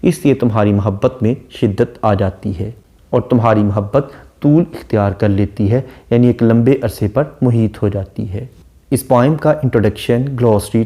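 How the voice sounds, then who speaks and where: Man lecturing slowly on a poem. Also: medium pitch, dark tone. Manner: slow, careful explanation, repeating key words and rhymes. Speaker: literature lecturer. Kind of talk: explanatory lecture.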